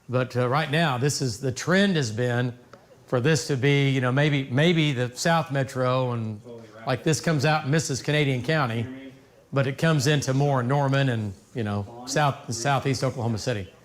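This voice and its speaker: A man's voice: mid-range voice, moderate pace. An American man anchoring live severe weather coverage off the cuff, folksy and emphatic, repeating phrases for stress. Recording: noticeable background noise.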